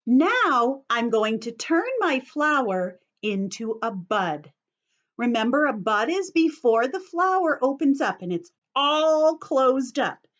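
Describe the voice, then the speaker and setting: A children's teacher runs an online story time, walking young kids through a craft one step at a time. Her fairly high voice comes through dull audio from the computer's built-in camera and microphone as she explains patiently in simple words, sing-song, often checking in with questions.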